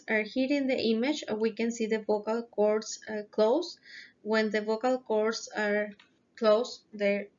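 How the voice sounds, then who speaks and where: Slow, hesitant woman lecturing. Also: on the high side. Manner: slow, careful explanation with frequent hesitations. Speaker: presenter explaining phonetics. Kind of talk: narrated lesson over slides. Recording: dull, lo-fi recording.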